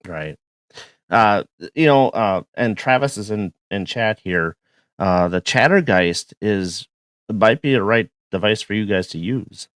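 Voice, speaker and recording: Guy on a glitchy choppy call, cutting out, kinda low voice, lots of uhs. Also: lively intonation, fairly bright tone, dry recording. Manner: halting, with many fillers. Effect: choppy call connection that keeps cutting out. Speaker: host relaying chat questions. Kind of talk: casual chat over a call.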